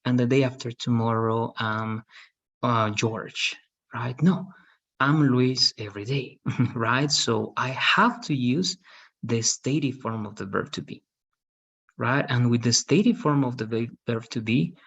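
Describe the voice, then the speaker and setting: Male teacher in his thirties, slow and husky, muffled webcam sound. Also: medium pitch, fairly bright tone. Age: 30s. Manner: slow, patient, tags sentences with "right?". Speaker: English teacher. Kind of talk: online class explanation. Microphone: video call webcam. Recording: dull lo-fi video call audio.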